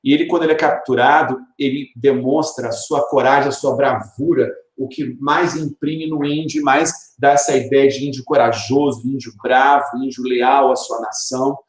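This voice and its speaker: A man explains literature in a video lesson, his voice sitting at an ordinary middle pitch. He walks through his points patiently, tucking in little rhetorical questions. The room around him rings with a noticeable echo. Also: steady tone, moderate pace, hardly any pauses. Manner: explanatory, tags lines with rhetorical "né?". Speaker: literature teacher. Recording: roomy echoey room.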